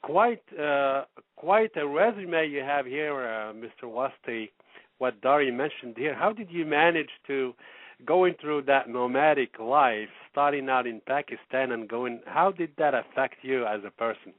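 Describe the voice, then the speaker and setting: A man's voice: mid-range voice, unhurried, no echo. A man as radio co-host, asking interview questions in a friendly, hesitant way. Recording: dry phone-like radio audio.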